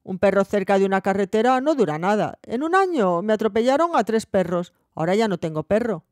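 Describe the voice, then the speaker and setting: A man's voice: high-pitched, animated, a little fast, dry recording, clean studio sound. A woman voicing a sympathetic, heavyset roadside man who speaks in a consoling, matter-of-fact way.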